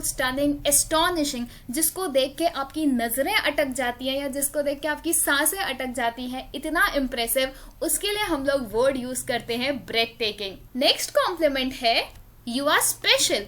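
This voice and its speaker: A woman's voice: sits high, a bit bright. A woman with an Indian accent teaching English vocabulary, explaining each word step by step and mixing Hindi with English. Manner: explains slowly, switching between Hindi and English. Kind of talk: vocabulary lesson.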